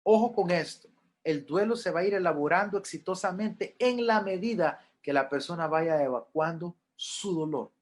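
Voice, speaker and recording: A man's voice: sits high, expressive, moderate pace. A middle-aged man, a pastoral counselor, lecturing a class on grief in an earnest way, repeating key points and acting out what people say.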